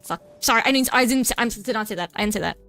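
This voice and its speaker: Bright, high-voiced flustered woman streamer. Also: fast talker, faint music behind. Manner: flustered, chatty, keeps adding a cutesy "nya". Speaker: VTuber streamer. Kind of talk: casual gameplay streaming chat.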